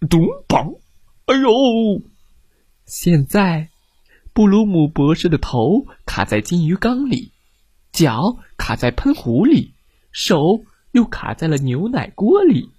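Slow, expressive male bedtime storyteller. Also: fairly high pitch, breathy edge, no echo. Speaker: children's storyteller.

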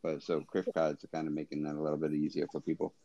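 A man's voice: extremely low pitch, completely flat delivery, fast, mellow, dry recording. A man with a Boston accent chatting casually in an online audio room, in a loose, rambling way full of fillers. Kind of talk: casual chat. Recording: dull lo-fi audio.

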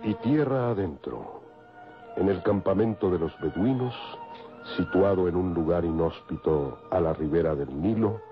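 A man's voice: low-pitched, expressive, normal speed. A man giving dramatic scripted radio narration in a grave, florid storytelling manner. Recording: dull lo-fi radio with loud music.

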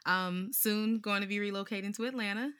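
A friendly woman from North Carolina introduces herself on a podcast in a bright, forceful voice. The sound is dry and close. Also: mid-range voice, moderate pace, clean tone, no room sound. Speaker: guest performer. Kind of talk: casual interview chat.

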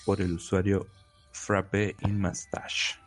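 Deep-voiced man reading stories aloud. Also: level tone, takes it slowly, over music. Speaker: podcast co-host.

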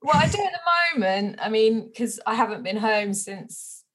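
A woman's voice: fairly high pitch, animated, normal speed, breathy edge. A woman from the UK, a sobriety coach, talking casually in an interview with many fillers and easy laughs. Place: home bedroom.

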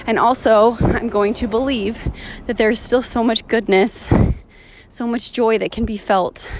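A woman's voice: on the high side, no room sound. A woman in her thirties talking casually and motivationally while out on a walk, a little out of breath, with lots of "like" and "right?". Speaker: vlogger. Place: outdoors on a walk.

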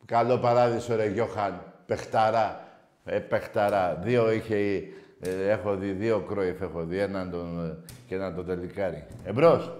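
A man hosting a call-in sports radio show, loud and mocking as he argues with callers. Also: deep voice, fairly even intonation, echoey room. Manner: loud, shouting and mocking rival fans. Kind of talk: heated call-in sports banter.

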